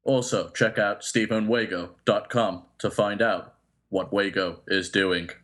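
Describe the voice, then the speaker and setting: Man, low register, doing a stiff robotic monotone for the show plugs, slow and mechanical. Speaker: podcast co-host.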